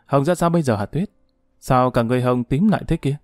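A man's voice: medium pitch, animated, fast talker, warm tone, no echo, clean studio sound, faint music behind, lightly acted. A man playing a harried young airman, curt and strained, in a storybook reading. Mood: pleading.

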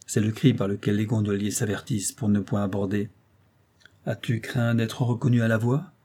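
A man's voice: lowish voice, fairly even intonation, normal speed, warm tone, husky. Roncari, a mocking young gondolier, read by a man. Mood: taunting. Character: brash young Venetian gondolier, mocking and threatening.

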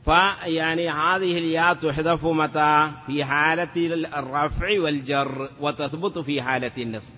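A man's voice: fairly high pitch, fairly even intonation, normal speed, hardly any pauses, bright, forceful tone, a little hiss or hum. A man teaching Arabic morphology in a lesson, chanting word forms and asking rhetorical questions. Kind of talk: classroom lesson. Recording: dull lo-fi sound with long reverb.

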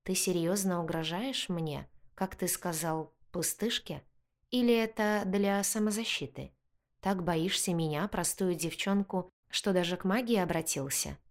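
A woman's voice: fairly low pitch, unhurried. Woman voicing a taunting young heroine. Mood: mocking. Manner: taunting, sarcastic.

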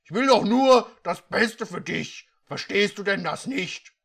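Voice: medium pitch, lively intonation, unhurried, vocal fry, a bit bright, full character voice. A reader voicing a possessive, brooding male half-unicorn prince, pushy and commanding in a mock-dramatic reading.

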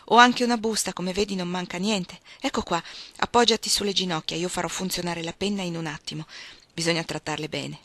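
Woman reading an eager, flustered young gentleman. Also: on the low side, fairly even intonation, fairly quick, dry recording. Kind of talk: audiobook dialogue reading.

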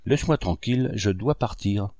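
Man reading a curt cocky young laborer, fairly low voice, dry sound. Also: normal speed, darkish tone, no echo, natural voice. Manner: curt, dismissive. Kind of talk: audiobook character reading.

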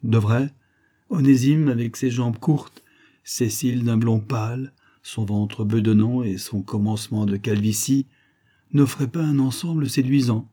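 A man reading a novel aloud in a measured storytelling manner. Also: mid-range voice, mellow. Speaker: audiobook reader. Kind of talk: literary narration.

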